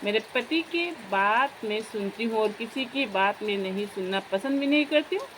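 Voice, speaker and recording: A woman's voice: fairly high pitch, expressive, normal speed, a bit bright, a little hiss or hum, low-quality recording. A young woman vlogger in casual chat, talking straight to her viewers as friends in a chatty, confiding way.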